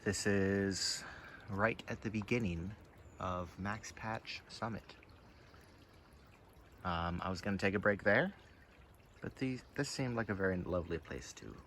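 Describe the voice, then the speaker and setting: A man's voice: low voice, a little slow, pauses often, fairly bright tone, slight background noise. A man filming himself on a mountain trail, chatting casually as he walks, with a loose, rambling way of talking full of fillers. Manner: easygoing, rambling, many "like" and "uh" fillers. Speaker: hiker filming a trail vlog. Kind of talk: casual walking narration. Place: outdoors on a wooded mountain trail.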